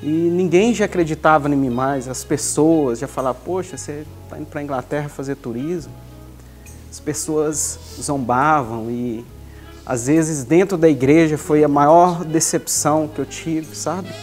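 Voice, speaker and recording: A man's voice: fairly high pitch, a little slow, a little mellow, faint music behind. A man giving an emotional personal testimony as a church guest, earnestly reenacting his prayers aloud.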